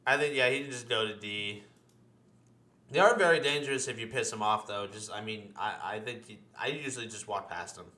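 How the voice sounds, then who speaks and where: A host chats casually about video game monsters, swearing heavily and speaking with emphasis. His voice is fairly low but pushed and bright, and the recording has a roomy echo.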